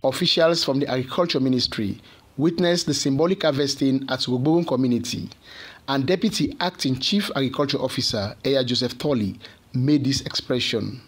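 A man reading a scripted television news report as the reporter, in a measured reporter's read. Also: medium pitch, breathy edge.

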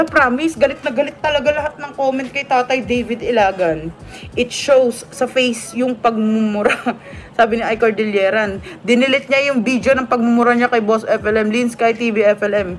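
Chatty woman on a live stream. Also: a little high. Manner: reads viewer comments aloud, laughs often, chatty. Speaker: livestream vlogger reading comments. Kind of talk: casual livestream chat. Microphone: phone or webcam on a live stream.

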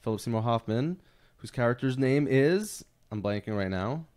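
A man co-hosts a film podcast and lays out a movie's plot in a loose, halting way, leaning on fillers as he goes. His voice sits at an ordinary middle pitch. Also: animated, darkish tone. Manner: summarizes plots with hesitant fillers. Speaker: podcast co-host. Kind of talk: casual film discussion.

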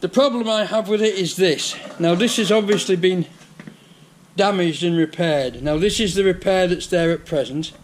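An older Englishman with a Yorkshire accent vlogs casually from his garage workshop, chatting step by step through a repair on a head-mounted action camera. His voice is high-pitched at normal speed, with a little hiss or hum.

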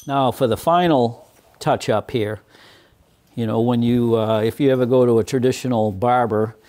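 A man in his sixties teaching woodworking in a workshop, explaining each step deliberately with many fillers and restarts. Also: medium pitch, darkish tone. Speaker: woodworking instructor. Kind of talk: hands-on demonstration.

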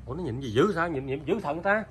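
A man's voice: a little high, animated, quick pace, over music. A man with a Mekong Delta Vietnamese accent hosting a vlog, chatting casually and teasing, laughing often. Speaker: vlog host. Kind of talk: casual chat.

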